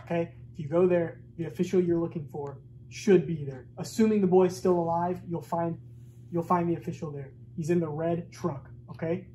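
A young man plays a weary, defensive orphanage director in a homemade film, his voice high for a man as he explains himself at length. It is caught by a camera mic in an indoor hall, with faint noise behind. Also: steady tone, moderate pace, mellow, natural voice. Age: young adult. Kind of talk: amateur fan film acting.

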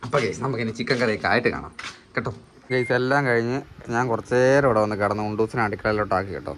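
A man's voice: lowish voice, rapid-fire, fairly bright tone, a little hiss or hum. A man filming a casual family vlog at home, chatting to his viewers as guys and often tagging his lines with "you know.". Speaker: family vlogger.

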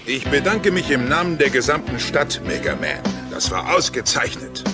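A man's voice: on the high side, sing-song, moderate pace. A man voicing a formal, grateful middle-aged city mayor in a cartoon dub. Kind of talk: dubbed cartoon acting. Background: loud music.

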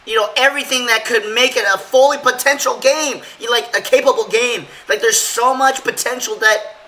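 Hoarse man doing casual gaming commentary. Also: extremely high pitch, steady tone, brisk, sharp tone, rough recording. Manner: rambling, filler-heavy, opinionated. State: hoarse from yelling. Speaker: channel host.

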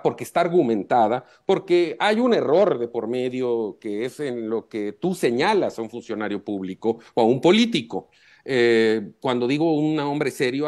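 A man, a journalist guest on a live talk show, giving measured and emphatic analysis. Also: medium pitch, darkish tone.

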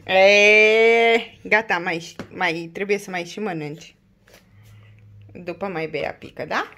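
A woman filming a casual home vlog, talking to her toddler in coaxing, doting baby talk and signing off softly. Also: a little hiss or hum. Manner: soft, low-key sign-off. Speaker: family vlogger.

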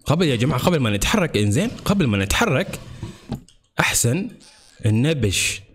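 A man comments on a horror game for his channel. He talks fast and nervously, with a lively pitch that leaps on each fright. A faint noise sits under the voice. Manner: jumpy, excitable, nervous exclamations. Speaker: gaming channel host.

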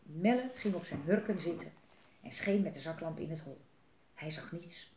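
A woman reading a children's book aloud in a lively, expressive way. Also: low-pitched, moderate pace, reverberant, slight background noise. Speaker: storyteller.

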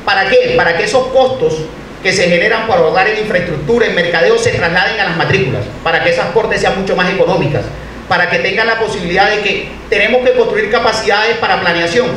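A man's voice: high voice, fast, fairly bright tone. A middle-aged man with a Colombian Caribbean Spanish accent, giving a formal public speech at a podium. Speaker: university official giving a speech. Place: indoor hall, at a podium. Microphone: podium microphones, heard from a distant camera. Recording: echoey hall, distant mic, faint noise.

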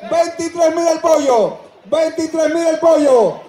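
A man with a Dominican Spanish accent working as a livestock auctioneer, loudly and insistently calling bids, repeating figures and urging buyers on. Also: very high-pitched, a little slow. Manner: loud, insistent, projecting to a crowd. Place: open-air livestock show ring among a crowd. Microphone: public-address microphone, picked up by a spectator's camera. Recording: echoing outdoor PA with crowd around.

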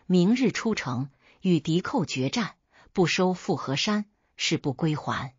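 A woman voicing an earnest, dutiful young male scholar in a storybook tale, speaking in a solemn, slightly lowered voice. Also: lively intonation, measured pace, breathy edge, no room sound, lo-fi sound, heavily acted. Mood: resolute.

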